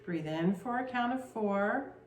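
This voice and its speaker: Slow, soothing woman guiding meditation. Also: mid-range voice, lively intonation, echoey room. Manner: soft, slow, soothing instructions. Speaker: meditation guide. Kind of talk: guided meditation.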